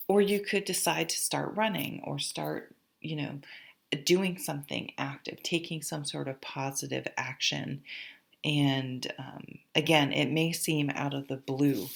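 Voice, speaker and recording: A woman's voice: sits low, creaky. A woman giving a casual, conversational tarot horoscope reading, rambling informally with offhand asides. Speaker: tarot reader, channel host.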